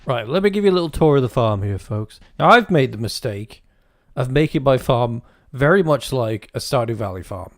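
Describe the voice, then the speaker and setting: A man's voice: medium pitch, expressive, normal speed, dry recording, clean studio sound. A man giving casual, crude, joking commentary while playing a farming game, rambling and often restarting his sentences. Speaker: gaming video host. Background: faint game music.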